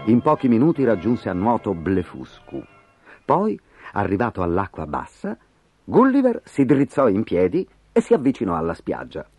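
A man reading a storybook aloud in an expressive, animated way. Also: fairly low pitch, moderate pace. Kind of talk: scripted storybook narration. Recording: slightly dull audio with faint music.

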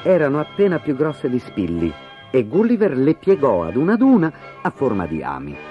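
Expressive male storyteller, animated reading, muffled recording with faint music underneath. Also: medium pitch, normal speed. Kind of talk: scripted storybook narration. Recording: slightly dull audio with faint music.

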